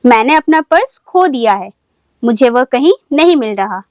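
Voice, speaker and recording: Woman, english teacher, careful explaining, high voice, dry close sound. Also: animated, moderate pace, darkish tone, dry recording. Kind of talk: video lesson.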